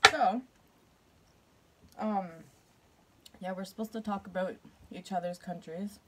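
Brief: woman from Canada, mukbang host, husky voice, nervous and chatty. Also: mid-range voice, steady tone, slow pace, pushed and bright. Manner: nervous, chatty, laughs often. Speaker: mukbang YouTuber. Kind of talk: casual eating vlog.

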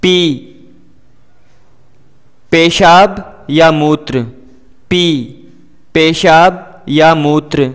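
A man's voice: a little high, steady tone, drawn-out words, pauses often, clean tone, in a large hall. A man teaching English words with their meanings, saying each word and its meaning twice and explaining pronunciation to students. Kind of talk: vocabulary lesson.

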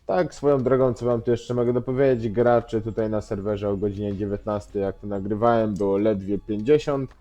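A man's voice: lowish voice, fairly even intonation, brisk, few pauses, warm tone. Chatty male gameplay narrator. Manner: chatty, filler-heavy, slangy. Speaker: game role-play video narrator. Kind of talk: casual voice-over narration. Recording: faint music underneath.

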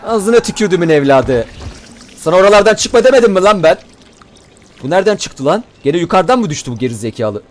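Let's-play host: man, loud and reactive, swearing at enemies, animated pitch. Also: quick pace. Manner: excitable, swearing, shouting at enemies. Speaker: gaming YouTuber.

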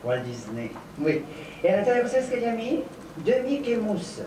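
A man's voice: high-pitched, big pitch swings, a little fast, very noisy. A man in drag doing bawdy, theatrical cabaret comedy on stage at a stand mic. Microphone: stand mic, filmed from afar. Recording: echoey far-off home video of a stage.

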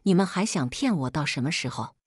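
A woman's voice: low-pitched, animated, a little fast, slightly rough, no echo, studio quality. A woman doing an angry, stern widower. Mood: accusing. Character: furious, cold-voiced widowed man. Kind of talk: storybook narration.

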